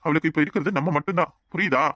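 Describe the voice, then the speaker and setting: A man voicing an excitable young husband in a Tamil cartoon, talking fast and fussing emphatically. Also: on the high side, no room sound, clean studio sound. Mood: defensive. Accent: Tamil Nadu Tamil. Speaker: Nettappan, husband figure. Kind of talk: cartoon dub voice acting.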